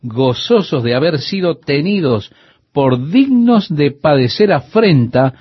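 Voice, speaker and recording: Husky lively-voiced male radio preacher. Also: a little high, slow, dry recording. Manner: earnest, addresses the listener directly. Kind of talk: radio sermon. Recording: dull, lo-fi dry recording.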